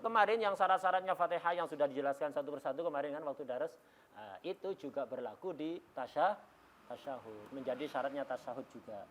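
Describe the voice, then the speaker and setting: A man's voice: a little high, a little hiss or hum. A man gives a religious lecture in a class, explaining step by step and answering his own questions, often restarting words. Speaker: religious teacher. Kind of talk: classroom lecture on Islamic law.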